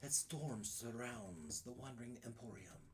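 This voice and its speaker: Man putting on a raspy, whispery old hag. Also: medium pitch, lively intonation, slight background noise, natural voice. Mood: matter-of-fact. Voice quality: raspy, breathy half-whisper. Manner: old hag croon, slow and coaxing.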